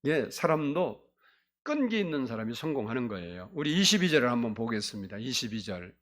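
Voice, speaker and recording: A man's voice: medium pitch, very animated, a little fast, a bit bright. A male pastor delivering an emphatic sermon in a church and prompting the congregation to answer back. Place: church sanctuary.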